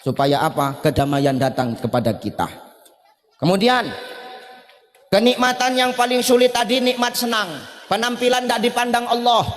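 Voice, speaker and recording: High-voiced preacher in a hall. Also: male voice, animated, normal speed. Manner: jokey, shouting punchlines, mixing in Javanese phrases. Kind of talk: comic sermon. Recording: hall reverb.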